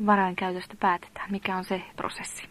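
A woman interviewing a guest, asking deliberate questions with slight stumbles. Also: mid-range voice, monotone, fairly bright tone, a little hiss or hum.

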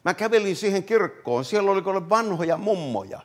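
Fervent preacher man, lively pitch. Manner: fervent, swings from loud to hushed; addresses listeners with "kuule". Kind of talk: revivalist sermon. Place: meeting hall.

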